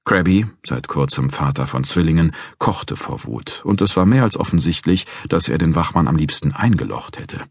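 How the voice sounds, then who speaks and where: A man narrates a novel in a deep, husky voice with animated intonation. His reading is measured and first-person, recorded close and dry in a studio. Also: dry recording. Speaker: audiobook narrator. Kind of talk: scripted narration.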